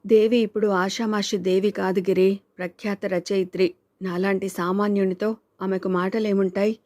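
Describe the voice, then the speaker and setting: A woman's voice: mid-range voice, little pitch movement, normal speed, dark tone, no echo, close to an everyday voice. A woman reading a weary, brooding husband. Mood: bitter.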